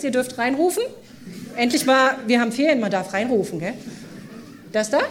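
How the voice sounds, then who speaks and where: A woman preaching a sermon at a church service, asking the congregation questions and drawing them into the talk. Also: a little high. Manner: engaging, asks the congregation questions.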